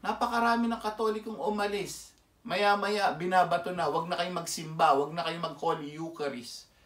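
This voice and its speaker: A man's voice: sits high, steady tone, moderate pace, a bit bright. A man with a Filipino accent preaching a sermon, emphatic and always putting rhetorical questions to his listeners. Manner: emphatic, keeps asking the audience rhetorical questions. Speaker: lay preacher. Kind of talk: Taglish sermon commentary. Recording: echoey room, mic set far off.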